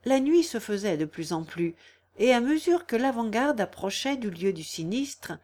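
A woman narrating a novel aloud in a steady, measured way. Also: on the high side. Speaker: audiobook narrator. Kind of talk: scripted narration.

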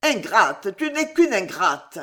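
A woman's voice: medium pitch, sing-song, slow, a bit bright, voice pushed up. A woman voicing an agitated, imperious middle-aged queen in a read-aloud historical novel, with pleading and commanding outbursts. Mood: reproachful.

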